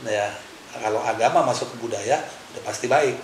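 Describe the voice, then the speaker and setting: A man's voice: medium pitch, fairly quick. A man co-hosting a casual religious discussion, explaining his point through everyday examples. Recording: echoey room with faint hiss.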